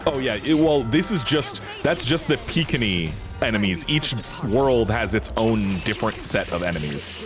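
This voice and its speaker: A man's voice: medium pitch, expressive, normal speed, few pauses. A man hosting a live game stream with casual commentary, speaking in a blunt, informal, sweary way. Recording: game music behind the voice. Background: game music.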